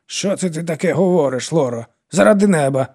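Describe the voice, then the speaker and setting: A man's voice: on the high side, expressive, brisk, a little mellow, pitched above the performer's own voice. A man voicing an older woman who scolds and mothers a troubled girl in an audiobook. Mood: coaxing. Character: older woman, stern yet kindly widow.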